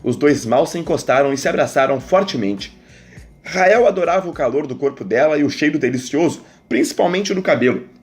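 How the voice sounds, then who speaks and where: A man narrating a web novel aloud in an expressive storytelling manner. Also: fairly high pitch, brisk, faint music behind.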